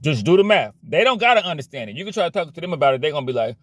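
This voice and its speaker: A man's voice: on the high side, big pitch swings, very fast, no room sound. A man giving a blunt, slangy motivational rant about cutting problem people out of your life, repeating himself as he preaches. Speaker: motivational vlogger.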